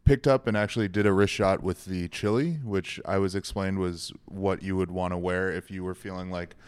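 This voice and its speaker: Low-voiced man telling a story on a podcast. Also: fairly even intonation, normal speed, clean tone. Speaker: podcast panelist. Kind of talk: panel podcast chat.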